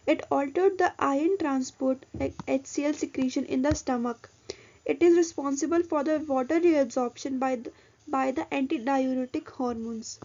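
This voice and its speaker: High, mellow Indian woman teaching. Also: dull audio. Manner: methodical, repeats and restates points. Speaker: biology teacher. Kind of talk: lesson narration.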